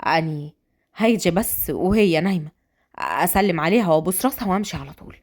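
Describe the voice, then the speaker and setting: A woman's voice: on the low side, expressive, quick pace, a little mellow, voice pushed down. Woman doing a cocky young man. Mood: respectful. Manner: provoking, teasing. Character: arrogant young man, the mayor's son.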